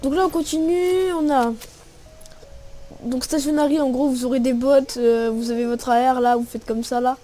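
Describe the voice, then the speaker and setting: A woman's voice: on the high side, normal speed. A young woman giving casual, slangy gameplay tutorial commentary and voicing her own shot noises as she plays. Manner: slangy and relaxed, narrating with spoken shot noises. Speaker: gaming video creator. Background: music and gunfire from the game.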